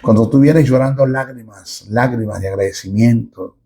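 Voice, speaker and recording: Man, middle-aged pastor, sermon, emphatic, dramatic pauses, husky rough voice. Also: mid-range voice, dark tone.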